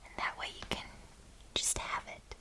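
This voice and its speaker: A woman doing a whispered role-play as a doting caregiver at bedtime, speaking tenderly and reassuringly in a breathy whisper. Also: sharp tone. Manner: slow, tender, reassuring personal attention. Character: doting, soothing caregiver tucking someone in at bedtime. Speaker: ASMR host playing a caring bedtime companion.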